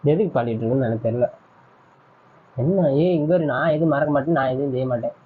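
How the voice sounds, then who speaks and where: A man's voice: medium pitch, quick pace, phone-quality sound, a little hiss or hum. A man hosting a home prank video, teasing and coaxing his wife in casual banter.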